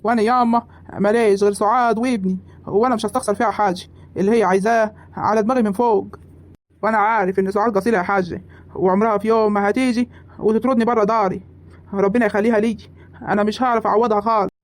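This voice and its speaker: A voice actor with an Egyptian accent playing a meek young village husband in an animated comedy, earnest and pleading. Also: mid-range voice, rapid-fire, close to an everyday voice.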